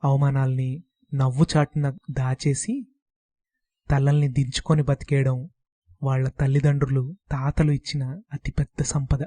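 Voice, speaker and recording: A male storyteller giving a calm, measured scripted narration of a village story. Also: medium pitch, no room sound.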